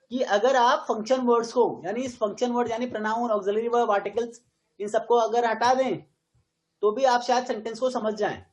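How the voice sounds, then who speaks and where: A woman with an Indian accent teaching an English grammar class, switching between Hindi and English and slowing right down to model stressed words. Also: medium pitch, a little mellow, low-quality recording. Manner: quizzes the students with frequent questions.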